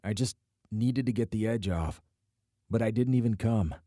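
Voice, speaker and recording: A man playing a remorseful young man who pleads in a low, quiet voice in a romance audiobook. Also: moderate pace, no room sound, clean studio sound, natural voice.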